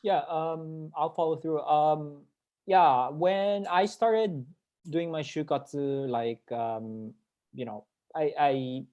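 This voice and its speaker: Heard through a muffled recording, a young man from the Philippines with a mellow, medium-pitched voice talks casually as a panelist on a video call. He rambles about his work experience, repeating words for emphasis.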